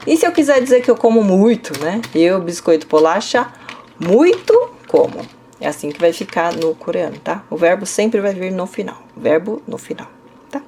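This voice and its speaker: With a mid-range voice, lively intonation and a brisk pace, this young woman's dark-toned speech comes over slight background noise. She teaches Korean, is from inland São Paulo with its Brazilian accent, and answers comments chattily, using "né?" and "tá?" a lot and laughing a little.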